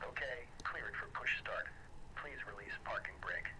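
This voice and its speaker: A man's voice: medium pitch, moderate pace, background noise. A man playing a businesslike aircraft ground engineer reporting over an intercom radio.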